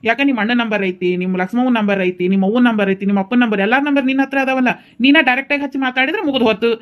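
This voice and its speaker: A woman's voice: fairly high pitch, steady tone, rapid-fire, close to an everyday voice. Cartoon role: patient young husband, voiced by a woman, North Karnataka accent, reassuring and chatty. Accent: North Karnataka Kannada. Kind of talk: cartoon voice acting.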